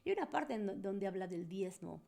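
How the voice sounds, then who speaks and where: Warm earnest woman. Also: medium pitch, expressive, normal speed, vocal fry. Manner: earnest, conversational, coaxing. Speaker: spiritual coach. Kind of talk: live Q&A talk to a group.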